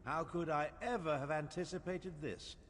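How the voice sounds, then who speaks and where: A man's voice: fairly high pitch, steady tone, normal speed, fairly bright tone, slight background noise, natural voice. An actor playing a pompous, sardonic nobleman battle mage in a video game. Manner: pompous, dry sarcasm. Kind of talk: video game character acting.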